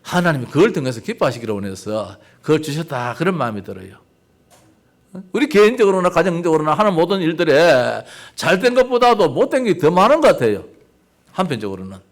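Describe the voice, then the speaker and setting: Older pastor preaching, lively pitch. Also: male voice, brisk. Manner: conversational preaching with rhetorical questions to the congregation. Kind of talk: sermon.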